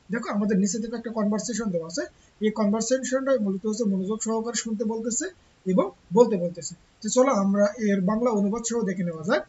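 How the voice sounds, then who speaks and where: A woman's voice: a little high, darkish tone. Woman tutor explaining a lesson. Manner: reads English lines slowly, then translates each into Bengali; repeats phrases and explains step by step. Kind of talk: recorded textbook lesson. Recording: slightly dull with faint hiss.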